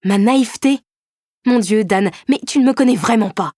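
A woman's voice: fairly low pitch, moderate pace, darkish tone, no room sound, studio quality, lightly acted. A woman voicing a young woman in a breakup, strained and emphatic as she pushes back. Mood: upset.

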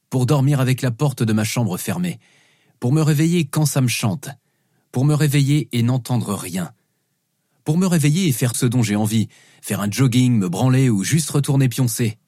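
A man narrating an audiobook in the first person, with expressive storytelling. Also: mid-range voice, no room sound, clean studio sound. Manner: expressive storytelling with lively shifts.

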